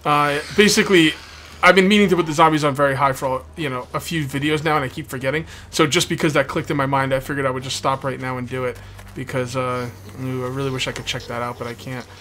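A man's voice: medium pitch, steady tone, fast talker, fairly bright tone. A man giving casual, rambling gameplay commentary as a let's play host, repeating himself and talking with a sore, bitten tongue. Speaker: host of a video game let's play series. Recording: background noise, game ambience behind voice. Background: video game ambience.

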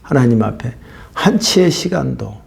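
Gravelly-voiced Korean pastor preaching. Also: male voice, mid-range voice, measured pace. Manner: animated preaching, swinging between loud bursts and hushed whispers. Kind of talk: sermon.

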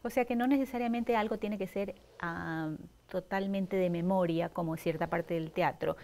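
A woman's voice: fairly low pitch, normal speed. A middle-aged woman hosting a cultural TV interview program, introducing her guest formally and prompting her with questions. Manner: warm formal presenter, frequent backchannel. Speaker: TV host. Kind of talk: studio interview. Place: TV studio. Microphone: lapel mic.

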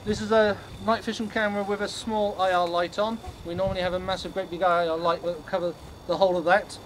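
A man leading a ghost tour, explaining things informally to a group in a halting, matter-of-fact way. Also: high-pitched, little pitch movement, a bit bright. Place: on a night walking tour, in the dark. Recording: noisy outdoor night recording.

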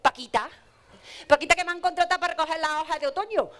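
Woman playing a fussy, very high-voiced cleaning lady. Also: rapid-fire, a bit bright. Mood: bossy. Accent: Andalusian Spanish. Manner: bossy, fussing, repeats herself. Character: fussy, chatty female park cleaner. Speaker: stage actor. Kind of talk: live comic stage acting. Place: outdoor garden stage.

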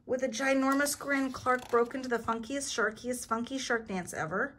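A woman teacher reading a picture book aloud to children, animated and asking her listeners questions. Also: high voice, moderate pace, a little hiss or hum.

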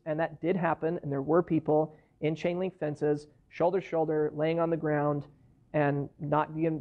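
Speaking from a lectern in a university lecture hall, an immigration lawyer in his thirties explains through worked case examples in a conversational style. His voice leans high with vocal fry, and the far room camera yields a dull, lo-fi recording.

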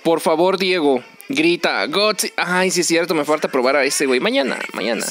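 Mexican young dude joking around over gameplay, high voice, game music going loud behind. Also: male voice, fairly quick. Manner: joking, excitable, teasing teammates. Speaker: gaming streamer. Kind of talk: casual gameplay commentary.

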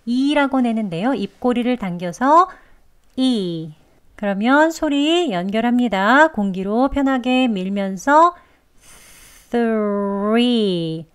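A woman teaching English pronunciation, explaining patiently and modelling sounds slowly. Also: on the high side, expressive, smooth. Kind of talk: pronunciation lesson.

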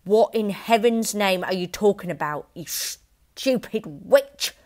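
A woman reading aloud, voicing an irritable, blustering middle-aged man who shouts and complains. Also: sits low, lively intonation, fast talker, exaggerated voice. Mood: furious. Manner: yelling, indignant, loud.

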